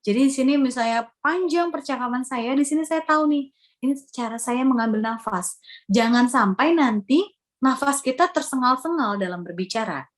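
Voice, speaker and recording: A woman's voice: sits high, animated, moderate pace. An Indonesian woman giving a community workshop lecture on presentation skills, explaining step by step with frequent "ya" and "nah" tags.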